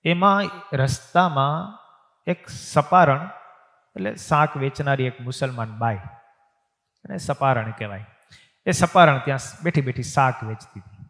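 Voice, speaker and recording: A man's voice: medium pitch, a little slow, long pauses, a bit bright. A man, a swami, preaching a devotional story sermon and acting out the voices of the people in his tales. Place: temple hall. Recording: long reverb of a temple hall.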